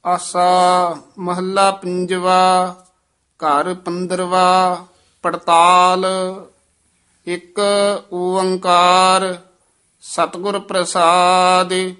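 Man, scripture recitation teacher, drawn-out chanting, bright voice. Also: high voice, completely flat delivery, clean tone. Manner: slow drawn-out chanting, brisk quiet asides on pauses and stresses. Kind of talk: chanted scripture recitation with spoken pronunciation tips.

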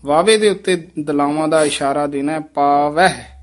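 A man teaching scripture recitation, repeating lines and calmly pointing out pauses and correct pronunciation. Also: fairly high pitch. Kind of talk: pronunciation instruction.

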